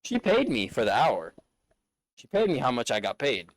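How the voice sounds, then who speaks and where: A man chats casually on a podcast in a relaxed, slangy way. His pitch moves around a lot as he talks. The sound is dry and close to the mic. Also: moderate pace, dry recording. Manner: animated, laid-back slang. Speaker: podcast co-host.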